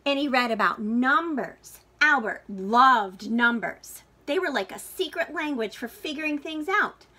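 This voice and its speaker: Her voice sits high as she reads aloud from a children's picture book. Like a teacher, she delivers it with dramatic, expressive and deliberate phrasing aimed at little ones.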